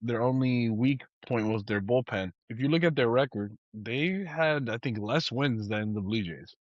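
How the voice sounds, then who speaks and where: A man in a casual sports podcast chat, explaining things in a measured, thoughtful way over a dull, lo-fi mic. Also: mid-range voice, dry recording. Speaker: podcast co-host or guest.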